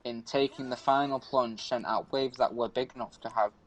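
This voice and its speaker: A man of middling pitch reads a spooky article aloud, tripping over words and restarting sentences. He breaks off now and then to react to the video game he is playing. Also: steady tone, low-quality recording. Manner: halting reading with frequent stumbles and restarts. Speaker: podcast co-host. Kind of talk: reading urban legends aloud while playing a video game.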